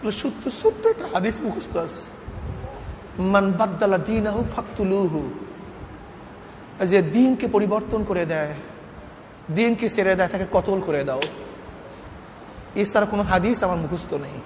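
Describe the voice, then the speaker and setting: A man preaching an emotional sermon, telling a story with rising, near-shouted, sing-song passion. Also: high voice, moderate pace, pauses often, a little hiss or hum. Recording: long hall reverb with faint ambience.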